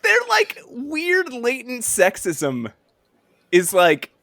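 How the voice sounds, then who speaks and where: A man's voice: very high-pitched, wildly swooping pitch, very slow, vocal fry, bright, forceful tone. A man co-hosting a podcast in casual chat, rambling with lots of "like" and restarts. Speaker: podcast co-host. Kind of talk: casual comic-book chat.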